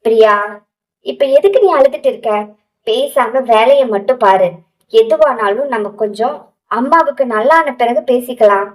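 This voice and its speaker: A tender but gruff young man from a romance audiobook, who scolds and teases with pet names, as a woman narrator voices him. The voice stays fairly high and is heard from a little way off the mic. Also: normal speed, distant mic, close to an everyday voice, poor audio. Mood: scolding. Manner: teasing, scolding endearments.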